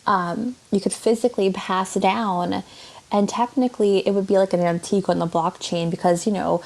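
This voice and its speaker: A woman's voice: mid-range voice, steady tone, normal speed, vocal fry, darkish tone. A woman artist chatting casually as an interview guest, rambling with many fillers.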